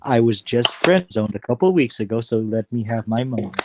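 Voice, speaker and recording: A man's voice: medium pitch, lively intonation, fairly quick, noisy background. A man from the Philippines chatting casually and teasing on a livestream. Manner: playful, teasing. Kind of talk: casual group chat.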